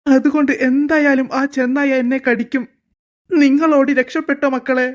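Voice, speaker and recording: A woman's voice: sits high, steady tone, moderate pace, highs cut off, background noise, close to an everyday voice. A woman voicing a worried, motherly woman looking after children in a cartoon, speaking in a pleading, fretful way. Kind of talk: cartoon voice acting.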